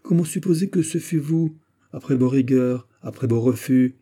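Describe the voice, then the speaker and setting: Brief: gallant male nobleman suitor, read by a man, ardent courtly pleading, husky voice. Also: medium pitch, moderate pace, mellow, voice pushed up, natural voice.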